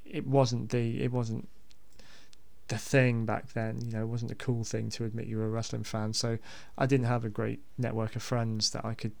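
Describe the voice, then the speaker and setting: A man speaks as a podcast host in a casual, unscripted style. His voice has a lot of fry and stays fairly even in pitch. He rambles hesitantly, often repeating words as he goes. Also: moderate pace.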